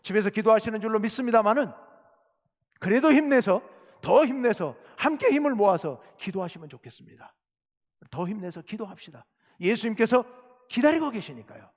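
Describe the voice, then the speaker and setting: A man's voice: sits high, animated, brisk. A male pastor preaching a Sunday sermon who asks the congregation questions and urges them on. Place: church sanctuary. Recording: long church reverb.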